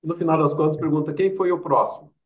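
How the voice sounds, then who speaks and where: This Brazilian-accented doctor and public health expert talks quickly in a fairly high, evenly intoned voice. The mic is distant and the sound thin and tinny. As an interview guest, he shares anecdotes and explains himself with rhetorical questions and quoted asides.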